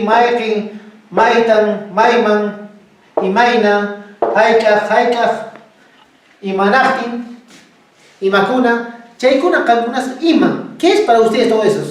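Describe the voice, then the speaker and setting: This is a classroom language lesson led by a woman from Cusco, Peru, who questions her students and draws answers from them. Her voice sits on the high side and comes from off the mic in a very echoey room.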